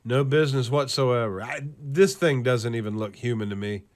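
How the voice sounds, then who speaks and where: A man hosts a current-events video, talking at normal speed in a medium-pitched voice. He rants over clips with profane, scornful, sarcastic remarks and reads lists in a steady rhythm.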